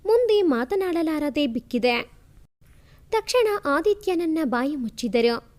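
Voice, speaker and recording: A woman's voice: high-pitched, big pitch swings, takes it slowly, darkish tone. A woman storyteller reading a first-person family drama aloud, in a heartfelt, dramatic manner.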